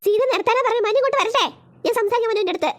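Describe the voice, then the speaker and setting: A woman's voice: very high voice, very fast. Pleading cartoon grandmother. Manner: pleading, soothing. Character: grandmother calming an angry mother.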